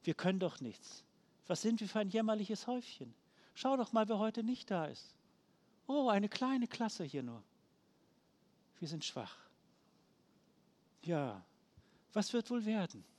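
A man voicing despairing Israelite soldiers with a quiet, mournful lament. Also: sits high, very animated, measured pace, long pauses. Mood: despondent. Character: disheartened Israelite soldiers, weak and self-pitying.

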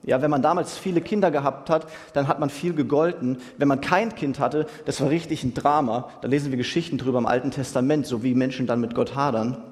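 A man's voice: medium pitch, fairly even intonation, brisk, hardly any pauses, a little mellow. A young man preaching a sermon in a casual, youthful way, using slang words and asking his listeners "right?" again and again. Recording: long hall reverb.

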